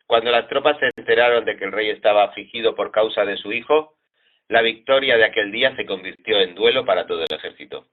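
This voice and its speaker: Guy reading the bible out steady and even, lowish voice, tinny phone-like sound. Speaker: Bible reader. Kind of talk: scripture reading.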